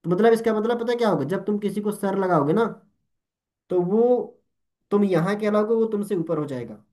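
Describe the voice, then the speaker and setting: A young man gives a motivational training talk to network marketers in Hindi mixed with English, animatedly asking "ठीक है?" and "All clear?" to make sure everyone follows. His voice sits high and moves at a normal speed.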